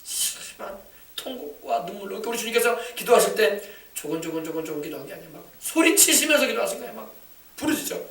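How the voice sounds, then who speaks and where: A man's voice: sits high, expressive, very fast, creaky, fairly bright tone. A male pastor preaching a sermon with passion and often calling out for an amen. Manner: impassioned preaching, calls for amens. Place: church sanctuary. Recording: echoey church from a distance.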